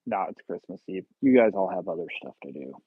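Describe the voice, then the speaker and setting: A man's voice: low voice, animated, quick pace, breathy edge, no room sound. A man in his thirties hosting a casual livestream, joking and rambling with viewers in a self-teasing way. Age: 30s. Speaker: livestream host. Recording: tinny phone-like, dry sound.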